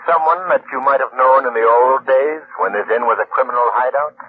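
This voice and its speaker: A man's voice: mid-range voice, brisk, close to an everyday voice. A menacing invisible avenger, played by a man, interrogates with commanding, taunting theatricality. It sounds like a 1940s radio thriller, with a narrow, tinny band and some hiss. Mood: accusing, commanding. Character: menacing invisible crime-fighter interrogating suspects. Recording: thin, noisy vintage radio recording.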